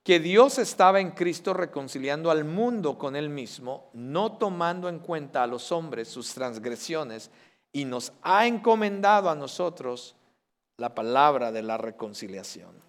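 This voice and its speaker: A Mexican pastor preaching to his congregation, his voice sitting a little high for a man. He swings from loud, emphatic declarations to soft, close asides. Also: animated, unhurried. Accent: Mexican Spanish. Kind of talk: sermon.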